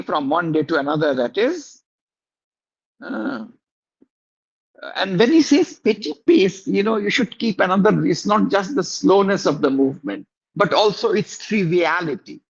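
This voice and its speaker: A man teaching a class, explaining slowly with many pauses and fillers and asking his students questions. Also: high voice, vocal fry, husky, muffled recording. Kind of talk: classroom lecture.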